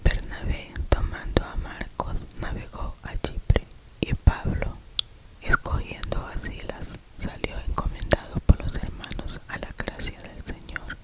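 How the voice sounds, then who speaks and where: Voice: a little slow, low-quality recording. A person reading scripture as ASMR in a cupped-hand whisper, very close to the mic as if into the ear. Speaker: ASMR reader. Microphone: very close to the mouth.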